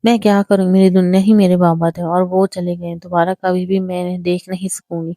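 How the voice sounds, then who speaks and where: Shy young woman, polite, hesitant, sorrowful, woman reading, mellow voice, dry recording. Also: on the low side, little pitch movement, dry recording, lightly acted.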